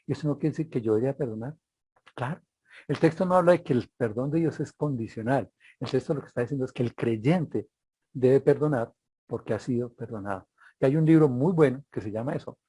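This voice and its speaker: Male preacher, husky voice, dry close sound, sermon full of rhetorical questions. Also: mid-range voice, dark tone, no room sound. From Colombia. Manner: rhetorical questions, frequent "¿verdad?".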